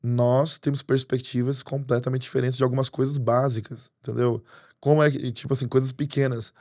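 A man in his thirties from Brazil, a pastor telling stories in a podcast interview, quick and animated, at a desk microphone in a studio. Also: medium pitch, no echo. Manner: fast storytelling, animated hand gestures. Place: studio with green curtains. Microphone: desk mic on arm.

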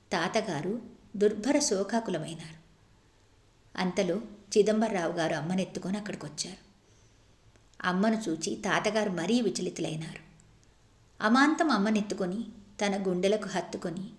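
A woman narrating an audiobook in a measured, expressive storytelling manner, recorded in an echoey room. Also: medium pitch. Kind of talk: scripted narration.

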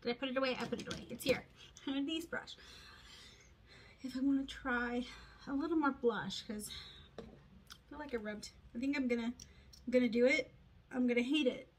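A woman's voice: sits high, moderate pace, pauses often, breathy edge. A woman chatting casually through a makeup tutorial, rambling and poking fun at herself as she goes. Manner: rambling, self-deprecating, talks to herself. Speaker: beauty vlogger.

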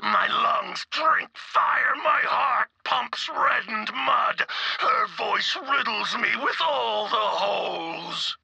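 A man voicing a deranged psycho brute in a video game, speaking grandiose, gory nonsense in a harsh gravelly rasp. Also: high voice, expressive, crowd noise, exaggerated voice, poor audio. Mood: manic rapture. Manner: slow, unhinged, grandiose word salad. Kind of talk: video game character acting.

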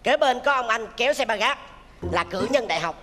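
Một người đàn ông đóng vai cậu học sinh nhà giàu kiêu ngạo, đọc bài thi một cách tự mãn. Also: male voice, very high-pitched, lively intonation, brisk, long reverb tail. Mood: smug. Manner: smug, pompous recital. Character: boastful rich schoolboy contestant. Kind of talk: stage comedy sketch.

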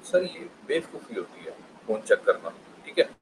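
A man's voice: medium pitch, very animated, moderate pace, background noise. A man teaching an online class, switching between Hindi and English and explaining with everyday relationship examples. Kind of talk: online lecture.

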